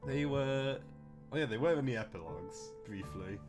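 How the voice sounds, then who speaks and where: A man co-hosting a game let's play, talking in a halting way and chuckling often. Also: medium pitch, lively intonation, faint music behind. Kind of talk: casual chat.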